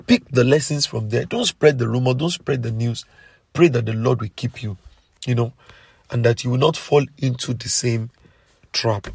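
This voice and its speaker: Gravelly-voiced man preaching earnestly. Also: mid-range voice, a little mellow, no echo. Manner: earnest, exhorting, slows for emphasis. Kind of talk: podcast sermon.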